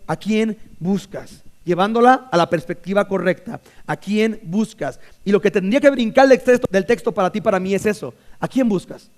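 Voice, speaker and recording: A man with a Mexican Spanish accent, preaching a lively sermon in church, full of jokes and acted-out quotes. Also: high voice. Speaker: pastor.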